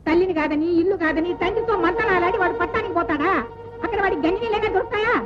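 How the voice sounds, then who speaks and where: A woman's voice: very high-pitched, very fast. An actress playing a domineering, sarcastic middle-aged mother-in-law in an old film. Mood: scolding. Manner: scolding, sarcastic. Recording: dull old film soundtrack with music.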